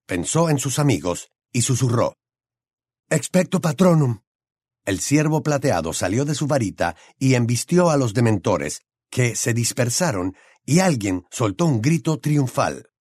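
A man narrates an audiobook with dramatic, expressive delivery. His intonation rises and falls in a lively way at a middle pitch. The recording is dry and close. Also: normal speed, no echo.

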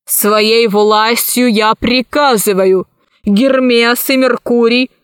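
A stern ruling queen voiced by a woman reader hands down orders in a cold, commanding tone. Her voice sits fairly high and moves at an unhurried pace. The sound is close and dry. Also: steady tone, smooth, no echo. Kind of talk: audiobook character voice.

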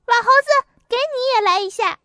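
A woman voicing a mischievous little boy who talks in a loud, gleeful, teasing way, over faint music. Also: very high voice, sing-song, fairly quick, no echo, studio quality, full character voice.

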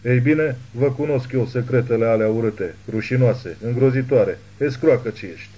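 A man voicing a crazed, hateful old woman who spits forceful accusations in an audiobook. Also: medium pitch, slightly rough, muffled recording, close to an everyday voice. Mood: menacing.

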